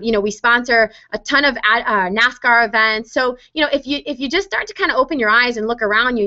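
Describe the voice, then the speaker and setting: This webinar presenter is a woman with a bright, forceful, fairly high voice. She gives a chatty, upbeat online sales presentation, using fillers often, and the webinar audio sounds dull and lo-fi.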